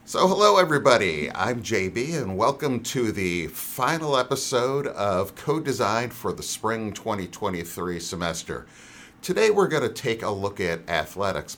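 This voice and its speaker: A man's voice: lowish voice, a bit bright, slight background noise. A man in his sixties hosting a podcast interview, reading a scripted intro and then teasing his guests playfully. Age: 60s. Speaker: podcast host.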